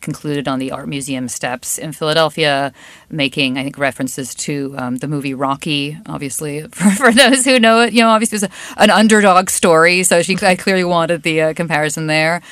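A woman's voice: deep voice, fairly even intonation, a little fast, fairly bright tone, dry recording. A woman reporter giving conversational political analysis as a studio interview guest. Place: radio studio.

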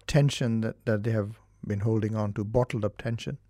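A man from India with an Indian accent, a doctor explaining his therapy in a studio interview in a measured way, pausing to find his words. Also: lowish voice, fairly even intonation, mellow, no room sound.

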